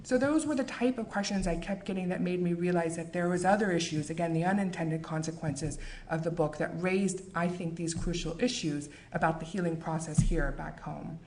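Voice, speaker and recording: American woman, author, book talk and reading, measured and earnest, lowish voice, faint noise behind. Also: a little mellow. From United States. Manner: measured, earnest, with frequent fillers.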